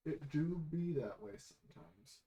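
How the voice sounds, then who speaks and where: A man narrating as game master of a tabletop game in a relaxed, joking way. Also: a little high, unhurried. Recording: echoey room, faint noise.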